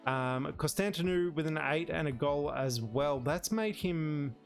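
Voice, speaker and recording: A man's voice: fairly high pitch, measured pace, gravelly, soft background music. A man commentates casually on a football management game, reading out results in a conversational way with wry exclamations. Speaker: host of a gaming series.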